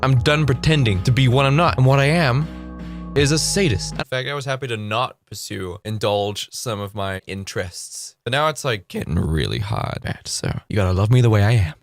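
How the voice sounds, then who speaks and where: A man talking casually to camera as a YouTuber, dramatic and theatrical, jumping between hushed asides and loud outbursts, recorded close on the mic. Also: mid-range voice, lively intonation, normal speed, soft background music. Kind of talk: casual video commentary.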